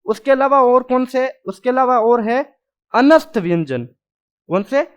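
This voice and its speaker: A man's voice: very high voice, lively intonation, unhurried, clear, resonant tone. A male grammar teacher lecturing a class at a whiteboard, who sounds out the letters aloud and keeps checking in his students. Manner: drills sounds aloud, repeats "ठीक है" often.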